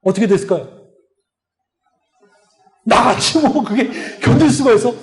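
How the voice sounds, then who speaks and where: A middle-aged man gives a sermon at a church retreat. His voice sits high for a man. He tells his story with energy and acts out each person's lines. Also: a little slow. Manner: animated storytelling, acts out dialogue. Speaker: lay preacher. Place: retreat hall.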